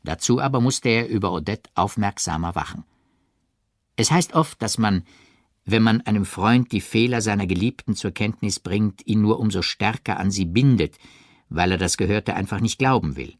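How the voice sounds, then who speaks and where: A man narrating a classic novel as an audiobook in a measured, expressive reading. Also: on the low side, no room sound, studio quality. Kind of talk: scripted literary narration.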